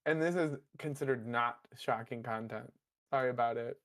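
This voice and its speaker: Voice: medium pitch, normal speed. A co-host on a casual recap podcast who rambles with lots of "like" and laughs often.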